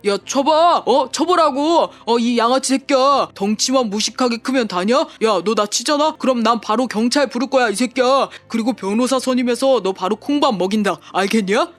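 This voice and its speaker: A man's voice: very high-pitched, a little fast, hardly any pauses, fairly bright tone, soft background music. A man voicing a petty, hotheaded young male scammer in an audio drama, stammering and swinging between taunting and groveling.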